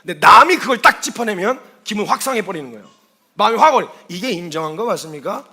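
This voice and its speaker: Guy preaching fast, high bright voice, animated, acts out what people say. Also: creaky, husky. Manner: animated, acts out quoted speech; storytelling, asks rhetorical questions. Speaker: missionary preacher. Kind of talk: sermon.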